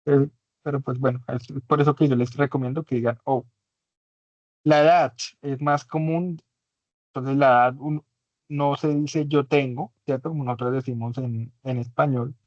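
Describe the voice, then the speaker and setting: A man's voice: medium pitch, steady tone, moderate pace, a little mellow, no echo, highs cut off. A man teaching an English class in Spanish, his first language, patiently explaining and checking understanding with tag questions. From Latin America.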